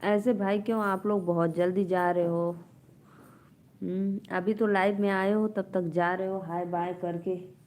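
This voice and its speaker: A woman's voice: mid-range voice, flat delivery, measured pace, a little mellow. A woman with an Awadhi accent hosting a casual live stream from a phone, reading out viewer comments and bantering playfully with them.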